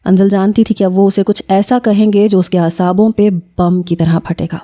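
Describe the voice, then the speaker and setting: Woman reading a novel in a mellow voice. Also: mid-range voice. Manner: steady, dramatic storytelling. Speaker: novel narrator. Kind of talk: reading a romance novel aloud.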